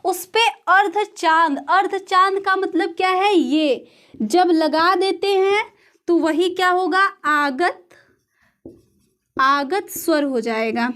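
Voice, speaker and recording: Woman teacher, very high voice, question-and-answer explaining style for a grammar lesson. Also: slow, fairly bright tone. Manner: explains step by step, asks and answers her own questions.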